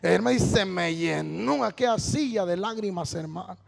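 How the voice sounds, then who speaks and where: Male preacher, high gravelly voice, storytelling sermon in a long-reverb hall. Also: lively intonation, moderate pace. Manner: storytelling, repeats "hermano", builds to shouting. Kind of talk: sermon testimony.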